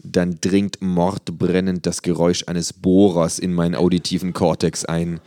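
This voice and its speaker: A man narrating an audiobook in a dry, deadpan, tired manner. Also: sits low, measured pace, dry recording.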